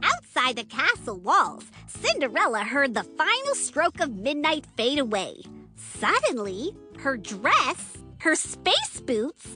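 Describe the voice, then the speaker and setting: Bright, very animated woman storyteller. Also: high-pitched. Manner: animated, dramatic build-up. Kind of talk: scripted children's story narration.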